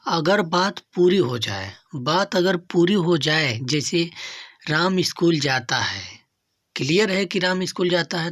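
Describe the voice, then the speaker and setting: A man's voice: on the high side, a bit bright, dry recording, studio quality. A man teaching a grammar lesson for exam coaching, who often repeats phrases and checks in with his students. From India. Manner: slow, deliberate delivery.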